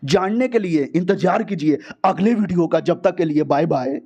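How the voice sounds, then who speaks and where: A man's voice: high-pitched, moderate pace, warm tone, husky, soft background music. A man narrating a story recap in a casual, slangy, joking way.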